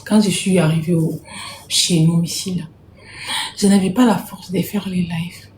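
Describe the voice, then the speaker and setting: A woman from Congo hosting a casual live stream to sell jerseys, speaking softly and repeating herself. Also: on the low side, steady tone, unhurried, echoey room, slight background noise. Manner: soft-spoken, repeats herself. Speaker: livestream host selling jerseys. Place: home room, indoors.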